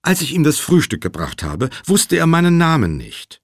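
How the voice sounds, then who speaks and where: Ein nervöser, schwitzender Zeuge, von einem Mann gesprochen, der zögernd und ausweichend antwortet, mit lebhaft schwankender Stimmführung. Knappe, gepresste Antworten unter Druck. Trocken und nah aufgenommen. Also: male voice, on the high side, huge pitch swings, moderate pace, no room sound, studio quality, pitched above the performer's own voice, full character voice. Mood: evasive. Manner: hesitant, evasive. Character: nervous male witness, evasive and sweating.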